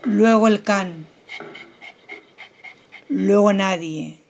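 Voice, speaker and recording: A woman's voice: mid-range voice, drawn-out words, creaky, dull audio, a little hiss or hum. A woman storyteller reciting a comic verse tale with a playful, rhythmic delivery. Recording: music playing behind the voice.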